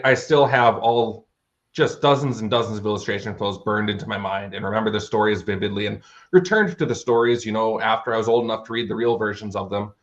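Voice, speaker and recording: In a muffled recording, an American man in his thirties with a fairly low pitch talks as an interview guest. A fantasy author, he shares stories in a chatty, enthusiastic and long-winded way.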